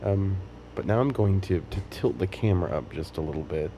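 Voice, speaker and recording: A hobbyist demonstrating a tape machine repair talks casually in a very low, mellow voice. His unscripted explanations are tentative and halting as he works them out on the spot. Clear noise runs through the whole recording.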